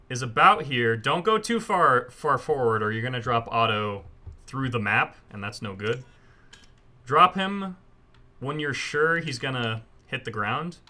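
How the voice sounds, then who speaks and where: Here a speedrunner shows viewers his route, explaining every step loosely and casually over tutorial gameplay. The man sounds bright and forward, with a mid-range pitch.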